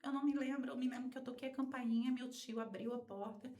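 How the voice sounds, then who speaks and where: A woman with a Brazilian Portuguese accent, a podcast guest telling an emotional personal story in an animated way. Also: on the high side, fast talker. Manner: animated, acts out other people's quoted voices. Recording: roomy echo.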